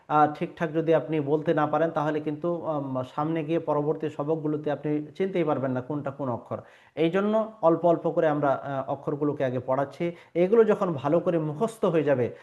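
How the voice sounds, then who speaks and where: A man with a somewhat high voice gives a patient lesson on pronouncing Arabic letters. He stretches each sound out to model it and pauses often with small fillers. The recording sounds dull and lo-fi. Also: a little mellow. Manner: patient and explanatory, models sounds by drawing them out; frequent hesitation fillers. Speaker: Quran reading teacher.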